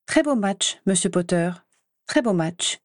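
Woman reader doing a formal, measured older woman professor, dry close sound. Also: medium pitch, expressive, dry recording, natural voice. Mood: approving.

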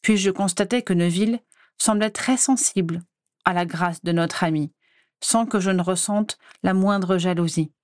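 A woman reading a first-person fan-fiction audiobook in a calm, even storytelling manner. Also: lowish voice, normal speed, no room sound, clean studio sound. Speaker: audiobook reader.

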